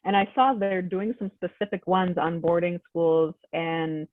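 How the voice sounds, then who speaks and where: Presenting a workshop over a video call for an advocacy group, a woman speaks informatively and affirmingly, saying "um" a lot. Her voice is on the low side, steady in tone, at a measured pace. The audio is tinny, dry and phone-like, with no echo.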